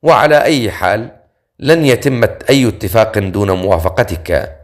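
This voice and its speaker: A man's voice: lowish voice, lively intonation, normal speed, lightly acted. A man voicing a cocky young male adventurer in an audiobook, with a mocking, teasing manner.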